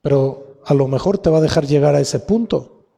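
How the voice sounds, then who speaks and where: A man's voice: a little high, normal speed, gravelly, mellow. A man with a Mexican Spanish accent preaching a sermon as pastor, asking the congregation rhetorical questions. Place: church hall. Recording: long hall reverb.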